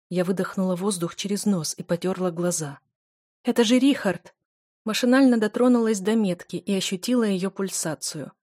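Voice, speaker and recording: A woman's voice: on the low side, dark tone, no room sound, clean studio sound. A woman narrating an audiobook in the first person, reading with emotion.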